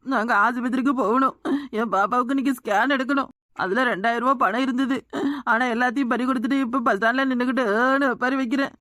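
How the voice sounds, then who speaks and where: A woman with a Tirunelveli Tamil accent voicing a cartoon village woman, talking quickly and lamenting. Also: fairly high pitch, fairly even intonation, a bit bright, dry recording, clean studio sound.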